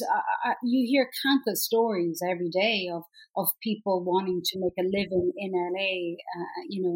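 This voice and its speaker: A woman's voice: medium pitch, poor audio. A middle-aged woman with an Irish accent, a guest chatting casually in an interview, laughing easily between fillers. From Ireland. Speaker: actress guest.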